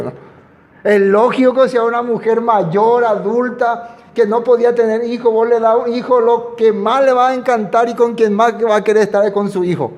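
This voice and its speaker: A pastor delivers an expository sermon in a large hall, speaking conversationally and putting questions to his listeners. His voice is high-pitched.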